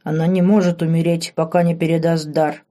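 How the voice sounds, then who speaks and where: A woman voicing a grave male spirit with a bass voice, speaking slowly from inside an old witch. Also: flat delivery, mellow, close to an everyday voice.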